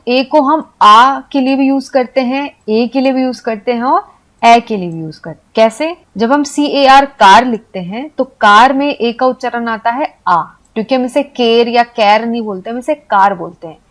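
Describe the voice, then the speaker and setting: Woman teacher, slightly high voice, patient step-by-step explainer of letter sounds, classroom lesson tone. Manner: patient, repeats points with examples. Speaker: English teacher.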